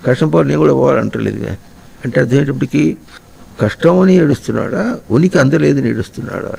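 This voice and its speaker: A man giving a slow, reflective spiritual discourse to householders, often pausing to ask his listeners questions. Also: medium pitch, expressive, creaky, dark tone, slightly rough, rough recording. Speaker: spiritual teacher.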